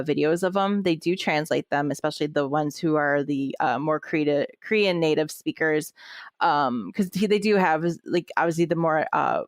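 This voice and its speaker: Chatting casually about music as a podcast co-host, a woman with a deep voice rambles, stumbling over restarts and fillers. The recording is dry and studio quality.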